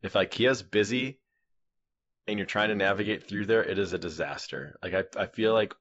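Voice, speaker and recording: A podcast co-host with a lowish, slightly bright voice speaks at a normal pace, telling rambling everyday stories in casual chat. He acts out the dialogue as he goes, and the recording has a dull, lo-fi sound.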